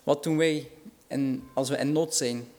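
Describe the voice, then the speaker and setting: Guy giving a sermon, earnest and reassuring, gets louder on the big lines. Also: mid-range voice, fairly even intonation, unhurried. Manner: earnest, reassuring, rises in volume for dramatic quotes. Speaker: preacher.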